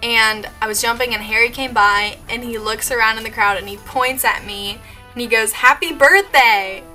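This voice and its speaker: A woman's voice: fairly high pitch, flat delivery, normal speed, pushed and bright, faint music behind. A young woman telling a story in a casual vlog, gushing and giggly, with lots of "like" and restarts. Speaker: vlogger.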